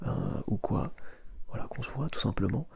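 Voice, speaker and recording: Man, ASMR chat, whispering right in your ear, very breathy, gravelly fry, hesitant with repeated words. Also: on the low side, lively intonation, moderate pace. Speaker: ASMR video creator and streamer.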